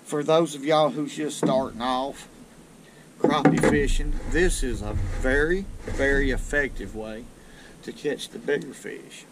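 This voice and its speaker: A man's voice: mid-range voice, measured pace, background noise. An older man with a drawl, hosting a fishing show and explaining tackle in a rambling, folksy way from a small boat on a river. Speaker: fishing channel host. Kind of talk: casual fishing how-to talk. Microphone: action camera on the boat.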